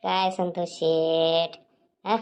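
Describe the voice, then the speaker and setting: A woman's voice: fairly low pitch, flat delivery, very slow, a little mellow, a little hiss or hum. A woman voicing a cheeky, nosy village schoolboy in a cartoon who teases an older man. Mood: teasing. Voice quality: teasing, needling.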